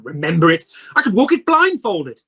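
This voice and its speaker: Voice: mid-range voice, big pitch swings, moderate pace, sharp tone, slightly rough, full character voice. An actor playing a grumpy, flustered old male miser in a radio play, blustering and stammering. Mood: moved.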